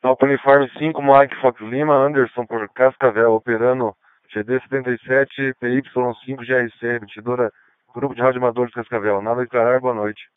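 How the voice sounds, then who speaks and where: Man's crisp voice over two-way radio. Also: mid-range voice, fairly even intonation, no echo. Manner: brisk call-sign recitation. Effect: heard over a two-way radio link. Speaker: amateur radio operator. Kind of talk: radio net check-in. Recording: tinny narrow radio transmission.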